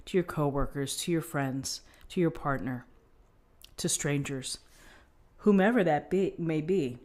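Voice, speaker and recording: A woman with a low voice does an unscripted tarot reading, explaining things in a gently encouraging way.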